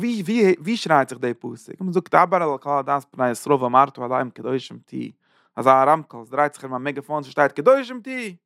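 Man, Torah sermon, sing-song chanting, repeats phrases for emphasis, gravelly, dry close sound. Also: fairly high pitch, no room sound. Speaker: preacher giving a Torah talk.

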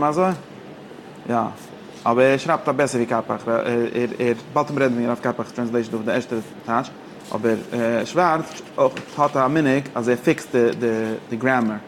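A man teaching an informal text study lesson, halting and restarting often, mixing languages. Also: medium pitch, slight background noise. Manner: halting, mixes languages, many fillers and restarts. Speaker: teacher of religious texts.

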